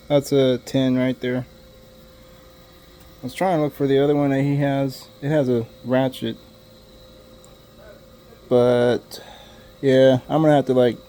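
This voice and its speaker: A man's voice: mid-range voice, warm tone. A young man chatting casually while he works on a truck outdoors, rambling with lots of fillers and restarts. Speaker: hobby mechanic vlogger. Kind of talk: casual work-along commentary. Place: outdoors in a driveway beside a truck. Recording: noisy outdoor camera audio.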